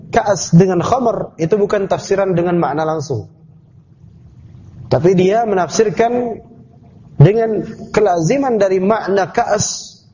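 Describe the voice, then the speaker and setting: A man's voice: sits high, dark tone, a little hiss or hum. Male teacher lecturing on scripture terms. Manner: explains terms step by step, asks the class questions. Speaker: Islamic teacher. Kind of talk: classroom tafsir lecture. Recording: dull lo-fi class recording.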